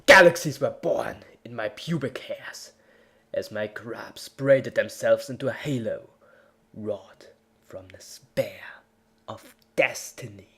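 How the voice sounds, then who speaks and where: With a gravelly, slightly rough voice pitched fairly low, a man slowly narrates fan fiction as an amateur. The reading is over the top and theatrical, rising from whispers into shouts.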